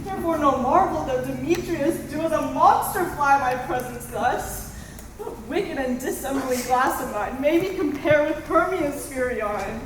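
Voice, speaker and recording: A woman's voice: high voice, a little hiss or hum. A young woman playing a lovelorn young Athenian woman in a school stage play, pleading and plaintive. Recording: echoey hall from far off.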